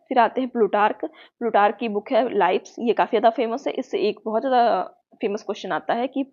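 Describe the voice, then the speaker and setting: Her voice pitched fairly high with a darkish tone, an Indian-accented teacher delivers a patient exam-prep lecture, frequently checking in with her students. The sound is muffled and lo-fi.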